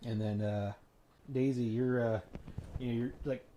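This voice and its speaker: A man's voice: mid-range voice, fairly even intonation, unhurried, warm tone, slight background noise. A man narrating as game master in a tabletop role-playing session, describing scenes vividly between casual rules talk.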